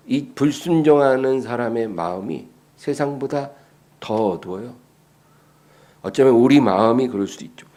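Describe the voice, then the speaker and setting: A male pastor preaching a sermon. He asks the congregation questions and then answers them, moving between hushed passages and loud, raised lines. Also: medium pitch.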